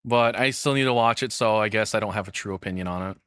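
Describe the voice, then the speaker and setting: Chatting like a streamer, this man reacts casually and bluntly, swearing a lot. His lowish voice comes across bright and forward, and he talks fast and smoothly. The recording is close-miked and very dry, with no echo or room sound.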